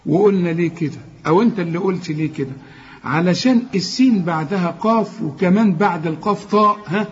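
A man with an Egyptian accent gives a tajweed lesson. His voice sits a little high, and he explains each rule before drawing the letters out slowly. The recording is a bit dull and lo-fi. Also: slight background noise. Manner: explains rules, then slowly drawls out sounds. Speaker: Quran recitation teacher. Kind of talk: tajweed lesson with recited verses.

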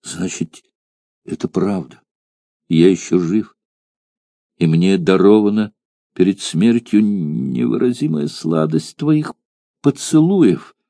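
A man voicing a dying young warrior who speaks faintly and slowly, his words fading. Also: fairly low pitch, sing-song, dark tone, no echo, clean studio sound, heavily acted. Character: dying young male warrior, weak and tender.

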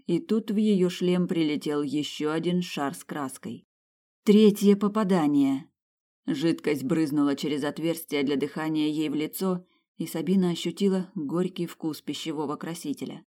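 Even, measured audiobook narrator. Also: medium pitch. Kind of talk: scripted narration.

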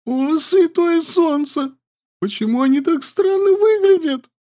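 A man's voice: high voice, very animated, slow pace, mellow, pitched above the performer's own voice, full character voice. A male reader voicing a flighty, wide-eyed young woman from the capital who chatters and wheedles. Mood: frightened. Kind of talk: audiobook character voice.

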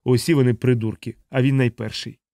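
A man voicing a sardonic young bomber captain in a hospital bed, speaking in a deadpan, mocking way. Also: mid-range voice, brisk, dry recording, lightly acted.

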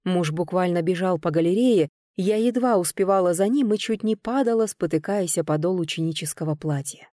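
A woman narrating a novel in the first person with expressive storytelling, close to the microphone. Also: fairly low pitch, fairly quick, few pauses, no room sound. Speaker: audiobook narrator.

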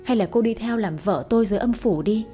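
A woman's voice: mid-range voice, fast, dark tone, soft background music, close to an everyday voice. A woman voicing a tearful middle-aged man in debt in a read-aloud story. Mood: pleading.

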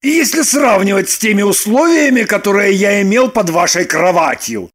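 A woman's voice: mid-range voice, expressive, moderate pace, natural voice. A woman reading an audiobook and voicing a wry, teasing middle-aged man who argues stubbornly. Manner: dry joking, stubborn. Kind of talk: audiobook character voice.

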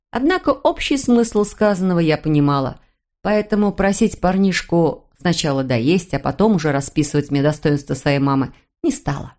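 A woman reading a novel aloud in first person, expressive and clear. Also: medium pitch. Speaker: audiobook narrator. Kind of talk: scripted narration.

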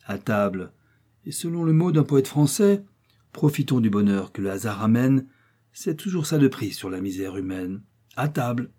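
A robust naval captain in his forties speaks jovially and heartily, read aloud by a man in an audiobook. The voice sits a little above the reader's own. It has a mellow, slightly husky tone. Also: medium pitch, lively intonation, normal speed, lightly acted. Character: hearty fortyish naval captain, cheerful and kind.

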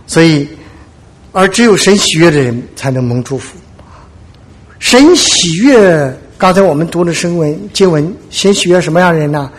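A man's voice: on the high side, expressive, moderate pace, husky. A man preaching a conversational sermon, telling Bible stories in a folksy way and checking with listeners. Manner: folksy storytelling, frequent "对吧" asides, acts out quotes.

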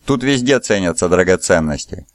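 A man's voice: low voice, expressive, moderate pace, dry recording, studio quality. A man voicing a proud, scornful young noblewoman with a fiery temper, in an audiobook reading. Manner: contemptuous, imperious.

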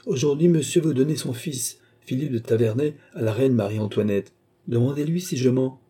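A man voicing a composed, mysterious sorcerer count who delivers prophecies calmly. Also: mid-range voice, moderate pace, slightly rough, voice pushed up, lightly acted. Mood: knowing.

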